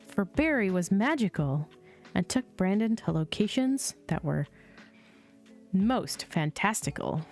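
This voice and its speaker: Reading a children's bedtime story aloud, a woman takes an unhurried pace, her pitch rising and falling in a lively, sing-song way. Chill music plays softly behind her.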